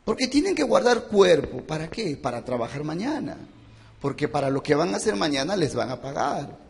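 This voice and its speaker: A man's voice: on the high side, sing-song, moderate pace, gravelly, big-room sound. A man preaching a sermon as a pastor, impassioned and repeating phrases for emphasis. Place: church.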